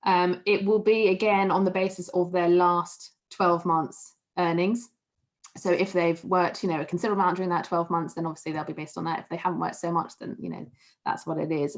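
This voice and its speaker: A woman on an online panel, explaining employment and tax rules in a clear, measured, professional way. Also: lowish voice.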